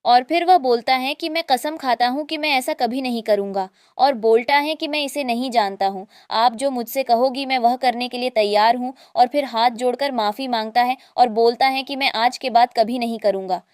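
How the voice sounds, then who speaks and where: A woman with a slightly high voice tells a drama's story as a recap, in a steady scripted narration. She reports what each character says without acting any of them. The sound is close and dry, with no room around it. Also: moderate pace, hardly any pauses, no room sound.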